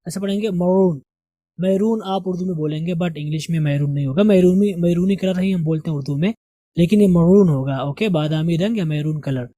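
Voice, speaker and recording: A man teaching English vocabulary, repeating each word slowly and correcting pronunciation. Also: a little high, warm tone, no room sound. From India. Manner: slow, drills each word several times.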